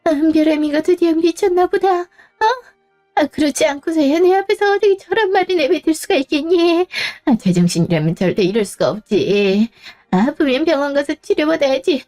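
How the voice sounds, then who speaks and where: A woman voicing an indignant, scheming older mother-in-law in a dramatized story, scolding in a high, whiny voice. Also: expressive, fairly quick, mellow, faint music behind.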